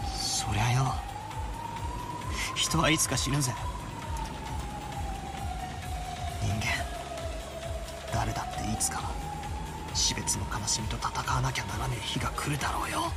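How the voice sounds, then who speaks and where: An actor playing a brash young man, grieving and furious, in rough slangy talk that swings from hushed whispers to shouting. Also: mid-range voice, very animated, fast, long pauses, over loud music. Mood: grieving, angry. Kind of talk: Japanese game voice acting.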